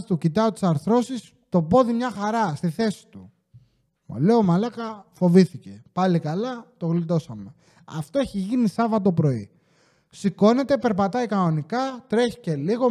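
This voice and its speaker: A man with a fairly high voice and a soft, mellow tone tells casual comic stories as a podcast host. He rambles freely, swears often and breaks into joking rants.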